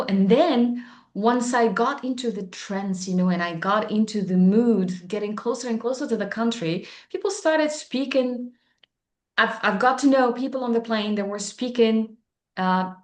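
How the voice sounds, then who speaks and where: Higher-pitched Tunisian woman, echoey room. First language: Tunisian Arabic. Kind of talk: animated personal storytelling in conversation. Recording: roomy, echoey sound.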